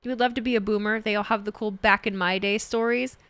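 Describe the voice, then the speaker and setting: A woman's voice: mid-range voice, fairly even intonation, fast talker, fairly bright tone, clean tone, no echo. A woman in her thirties streaming and chatting casually, rambling and correcting herself as she reads chat. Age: 30s. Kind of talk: casual livestream chat, reading chat.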